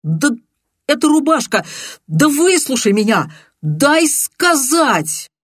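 A reader voicing a hot-tempered, defensive man who shouts indignantly. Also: very high voice, sing-song, slow, breathy edge, dry recording, clean studio sound, pitched above the performer's own voice, exaggerated voice. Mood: indignant shouting. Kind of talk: audiobook character voice.

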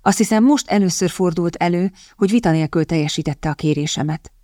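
A woman's voice: lowish voice, no room sound, clean studio sound, lightly acted. A woman reading a fierce, headstrong young lady. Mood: softened. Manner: sharp, insistent, indignant.

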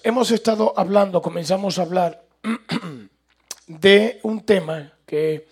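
A man's voice: sits high, vocal fry, slightly rough. A male pastor preaching a sermon in a jovial way, joking and laughing at his own slips.

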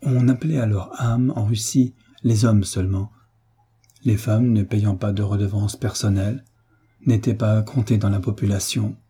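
A man narrating an audiobook in French in a measured, steady reading. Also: fairly low pitch, breathy edge. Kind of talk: scripted narration.

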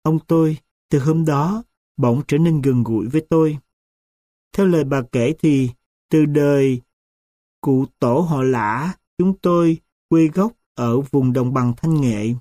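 A man reading a first-person story aloud as an audiobook narrator, in a slow, solemn and reflective way. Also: fairly high pitch, dark tone, no echo, studio quality.

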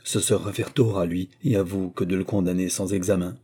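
A man voicing a generous wealthy older gentleman in an audiobook, speaking in a gracious, measured way. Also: low voice, fairly even intonation, slightly rough. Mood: formal.

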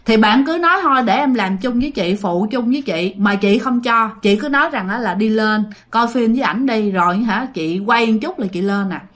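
A woman's voice: on the high side, lively intonation, moderate pace, hardly any pauses, a bit bright. A woman telling a ghost story in a chatty, casual way, full of fillers and asides to her listeners. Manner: chatty, many fillers, addresses listeners directly.

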